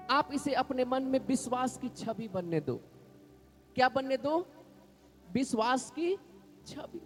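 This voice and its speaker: A pastor delivers a sermon in an unhurried, measured way, leading the congregation in call-and-response declarations. His voice sits high for a man. Faint music plays behind him. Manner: repetitive call-and-response preaching, has congregation repeat declarations. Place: church.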